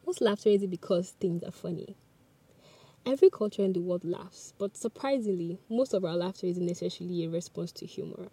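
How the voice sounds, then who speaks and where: On a podcast, a woman whose first language is Yoruba gives a scripted motivational talk, speaking earnestly and chattily straight to the listener. Her voice is low-ish, mellow and husky, and she talks fairly quickly.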